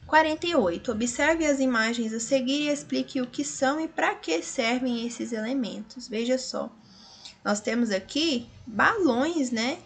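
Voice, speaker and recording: A woman's voice: high-pitched, unhurried. A woman teacher giving a recorded revision lesson, explaining step by step and often checking understanding with little tag questions.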